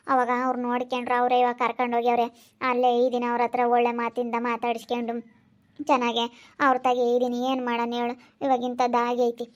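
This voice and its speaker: A woman's voice: fairly high pitch, lo-fi sound, close to an everyday voice. A woman playing a weary, ailing village woman who complains plaintively and repeatedly in an amateur skit.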